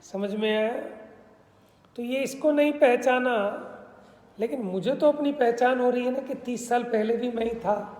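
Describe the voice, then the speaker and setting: High-voiced man giving a reverberant discourse. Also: a little slow, darkish tone. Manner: explains patiently, often checks that listeners understood. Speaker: spiritual teacher. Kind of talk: religious discourse. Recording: reverberant hall sound.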